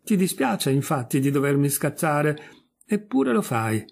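A man's voice: a little high, very animated, unhurried, gravelly, exaggerated voice. A man reading a weak, stubborn starving dog.

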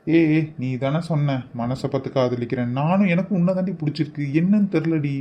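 An obsessive cartoon kidnapper, voiced by a man who wheedles and scolds a woman he wants to marry, in a somewhat high voice. The recording is dull and lo-fi with a faint hiss behind it. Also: fast, natural voice. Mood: insistent. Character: obsessive male kidnapper pressing a married woman to wed him. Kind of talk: animated cartoon voice acting.

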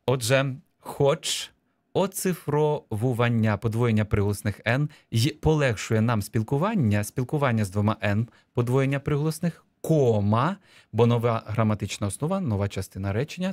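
Male radio teacher, middle pitch, dry studio sound, patient and explanatory, dictates key words slowly. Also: darkish tone, no room sound. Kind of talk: radio lesson explaining spelling rules.

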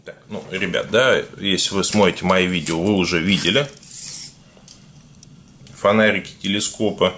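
A man with a speech impediment on his R sounds, giving casual, halting unboxing commentary to viewers as a video blogger. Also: deep voice, a bit bright. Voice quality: burr, defective pronunciation of the R sound. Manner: halting, conversational, addresses viewers informally. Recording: clear background noise with clicks.

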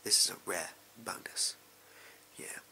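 A man's voice: measured pace, sharp tone. A young English man in a whispered role-play, playing a shady, amoral backstreet gun dealer with furtive, clipped, offhand sleazy salesman patter. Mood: furtive, casual. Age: young adult. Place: small indoor room at home. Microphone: close to the camera.

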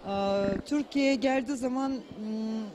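A woman answers an interviewer in halting, broken Turkish, speaking into a handheld microphone. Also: fairly high pitch, noisy background. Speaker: association president, Russian teacher. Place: indoor event venue. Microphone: handheld reporter microphone.

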